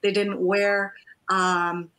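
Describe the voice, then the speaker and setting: Speaking very slowly with a sharp tone, the guest keeps her medium-pitched voice mostly level. She is a life and divorce coach, born in Trinidad and raised partly in the US from about age eight, telling effusive personal stories in an interview.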